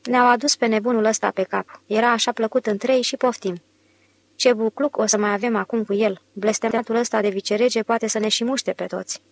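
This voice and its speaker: A man's voice: high voice, fairly even intonation, vocal fry. A woman reading the part of a male hospital patient who thinks he is Caesar, lazy and threatening. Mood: grumbling.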